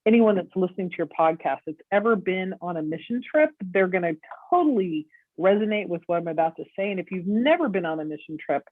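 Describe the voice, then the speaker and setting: A woman's voice: lowish voice, expressive, a little fast, dry recording. A middle-aged woman, a podcast guest, telling her story and acting out the dialogue as she goes. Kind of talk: storytelling interview. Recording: tinny dry phone-line audio.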